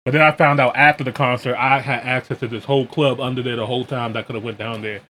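A man with an American accent hosts a casual reaction podcast in a medium-pitched voice. His talk is laid-back and full of slang, with faint noise behind him. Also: fairly even intonation, quick pace, pushed and bright. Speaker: podcast and reaction video host. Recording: clear background noise.

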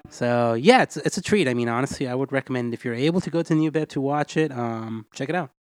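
A man's voice: mid-range voice, lively intonation, quick pace, no echo. A man chatting casually as a film-loving podcast guest, with slangy, conversational phrasing. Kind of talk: casual chat.

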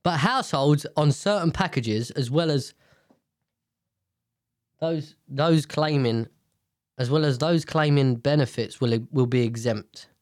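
Congested from a sinus infection, the British host keeps rambling bluntly through the news with plenty of swearing in his nasal voice. It's a little high, a little slow and a little mellow, with long pauses, and the studio recording is clean, with no room sound.

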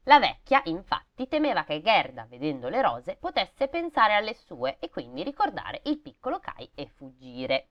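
A woman's voice: lowish voice, huge pitch swings, normal speed, few pauses, highs cut off. Sarcastic woman reading a fairy tale. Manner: sarcastic, swears freely, breaks off to comment. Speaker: storybook reader.

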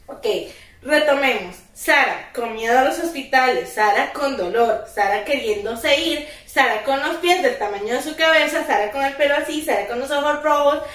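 A Costa Rican woman in her twenties telling a story in casual chat, animated and slangy, acting out her own shouts. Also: sits high, moderate pace, reverberant, distant mic. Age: 20s.

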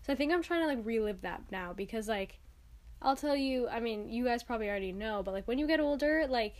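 A young woman with a slightly high, stuffy-nosed voice hosts a casual solo podcast. She sounds tired and congested. Her talk is informal and rambling, with plenty of emphasis. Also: expressive, fast talker. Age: young adult. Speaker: podcast host.

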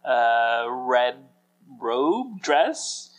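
Guy co-hosting a podcast, middle pitch, kinda rambly, lots of ums. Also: very animated, extremely slow, poor audio. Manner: rambling, hesitant, many fillers and restarts. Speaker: podcast co-host. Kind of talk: casual chat.

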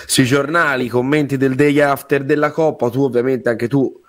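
A male radio host presents sports in a conversational style, with a medium-pitched voice. He speaks haltingly and corrects himself, close to the microphone in a dry studio sound. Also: fairly even intonation, no echo.

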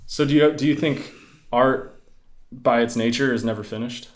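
A man's voice: medium pitch, normal speed. A young man hosting a podcast, chatting casually and laughing easily as he asks questions. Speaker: podcast host. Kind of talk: casual interview chat.

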